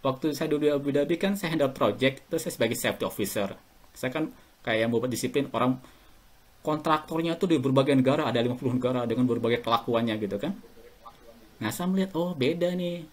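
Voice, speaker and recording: A middle-aged Indonesian man, a guest in a casual podcast interview, telling anecdotes and chuckling as he talks. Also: medium pitch. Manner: chatty and anecdotal, chuckles while talking. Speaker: guest alumnus.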